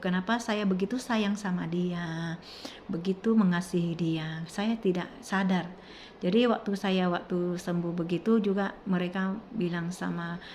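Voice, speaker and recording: A woman's voice: on the low side, darkish tone, slight background noise. A middle-aged woman telling a personal testimony in casual, rambling speech with many fillers and restarts. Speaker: testimony speaker.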